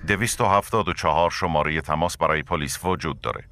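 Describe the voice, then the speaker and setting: Casting note: deep, bright-toned computer voice, flat and formal. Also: male voice, dry recording. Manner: flat, formal, machine-like replies. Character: calm male computer assistant in a pod.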